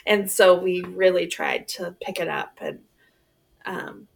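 An easygoing woman in her forties from the southern US co-hosts a casual chat, agreeing readily. She talks slowly and unhurriedly, with a gravelly fry running through her voice. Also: lowish voice, fairly even intonation. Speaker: podcast co-host.

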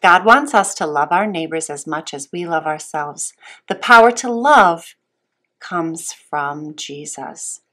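A woman teaching a Bible lesson to young children as a Sunday school teacher, sweet and patient, asking simple questions with pauses. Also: lowish voice, animated, fairly bright tone.

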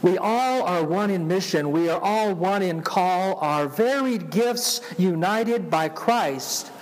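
A man's voice: high voice, slow pace. A man with a Southern accent from Georgia preaching as a pastor, repeating phrases and calling on his congregation to respond. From Georgia, United States. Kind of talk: sermon. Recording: long hall reverb of a large room.

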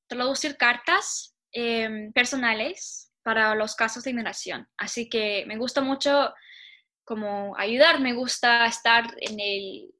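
A young woman with a Chilean accent, chatting casually in an interview and talking quickly, like a little bird. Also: on the high side, bright, forceful tone. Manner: talks fast, like a little bird. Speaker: interviewee, Spanish teacher. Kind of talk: casual conversation.

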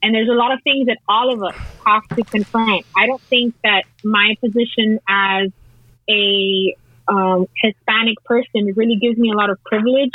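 A woman's voice: on the high side, noisy background. A woman speaking earnestly on a conference call, often stopping and restarting her thoughts as she works through them. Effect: conference call audio. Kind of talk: casual discussion. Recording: tinny call line, dry.

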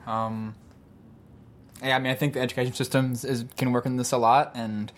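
A man with a mid-range voice talks about teaching music in a relaxed conversation. He is easygoing and agreeable, quick to affirm what others say. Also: medium pitch, a little hiss or hum. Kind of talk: casual conversation.

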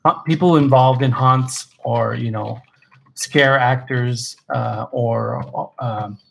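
A man co-hosting a podcast in casual chat, relaxed and enthusiastic, with lots of fillers and restarts. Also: medium pitch, slow, gravelly, a little hiss or hum. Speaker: podcast co-host.

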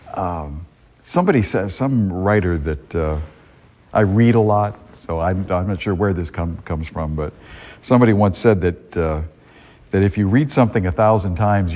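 A man's voice: deep voice, a little mellow. A man, a priest, reads the gospel and then preaches in a conversational way, often restarting his sentences, with a cathedral-like echo around him. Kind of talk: gospel reading and homily. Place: church. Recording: long church reverb.

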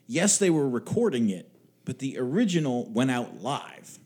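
A man's voice: medium pitch, very animated, moderate pace, darkish tone, breathy edge. A man co-hosting a podcast, chatting casually in a wry, rambling way with some swearing. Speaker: podcast co-host. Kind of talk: casual chat.

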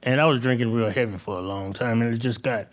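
A man from Arkansas, telling his story candidly and informally as a guest on stage, in halting phrases. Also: medium pitch. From Arkansas, United States. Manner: plain-spoken, informal, halting. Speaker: interview guest, barbecue cook. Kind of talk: candid personal storytelling in a live interview. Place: on stage at a live show.

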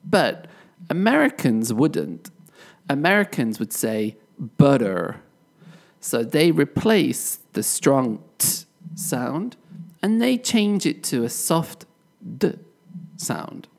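A British man hosting a podcast English lesson, explaining word pairs slowly and modelling contrasting pronunciations. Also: fairly high pitch, very animated, creaky. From Britain. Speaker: podcast host and English teacher.

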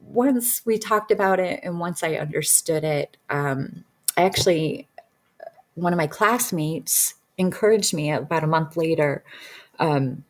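A woman's voice: low-pitched, animated, a little slow. A woman in her thirties, a healing practitioner, telling a personal story in a casual, rambling way with many fillers and restarts. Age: 30s.

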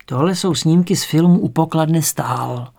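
A man reading the lines of a frail, kindly old comic actor lying in bed, slow and gentle. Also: on the high side, vocal fry.

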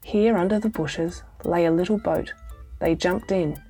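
A woman with an Australian accent reading a children's storybook aloud, giving the characters' lines gently. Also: on the low side, a little slow, husky. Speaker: audiobook reader. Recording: soft music bed behind voice.

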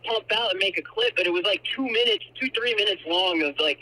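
A man's voice: sits high, quick pace, sharp tone, low-quality recording. A man calling in by phone on speaker, chatting casually and swearing freely with the podcast hosts. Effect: heard over a phone on speaker. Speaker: podcast clip editor calling in. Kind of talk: casual profane banter. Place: in another city, calling in. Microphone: phone on speaker in the studio.

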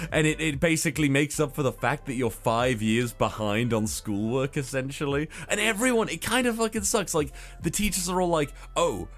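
A man co-hosting a podcast, chatting casually and animatedly, swearing often and laughing. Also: mid-range voice. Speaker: podcast co-host.

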